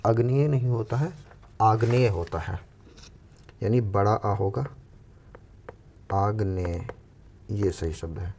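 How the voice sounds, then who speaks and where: A low, gravelly male voice, dark and mellow in tone, walks students through a spelling lesson. He breaks each word down step by step, repeats it slowly, and drops in as he goes. Faint background noise sits under the recording. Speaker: Hindi exam coach. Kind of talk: spelling lesson for exam aspirants.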